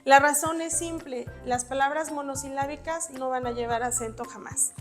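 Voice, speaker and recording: A woman's voice: high voice, steady tone, normal speed, soft background music. A woman giving an exam-prep spelling lesson, patiently explaining rules step by step with examples while writing on a board. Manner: writes on a board while talking. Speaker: spelling teacher.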